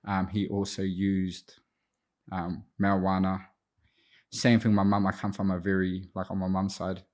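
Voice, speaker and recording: This Auckland man in his thirties, a podcast guest who works as an addiction counsellor, speaks with a low pitch and a completely flat, darkish delivery at a moderate pace. Raised speaking Te Reo Māori, he has a New Zealand accent. He tells his own story reflectively and hesitates at times.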